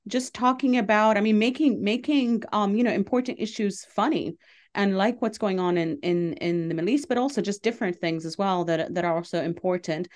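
A woman's voice: mid-range voice, brisk, darkish tone. A middle-aged woman from Lebanon, a comedian, answering interview questions in an earnest, chatty way with many fillers and easy laughs. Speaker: comedian and show producer.

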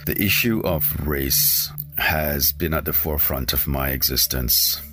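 A man with a Jamaican accent, giving a measured, emphatic personal testimony. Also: a bass voice, sharp tone. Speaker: guest speaker.

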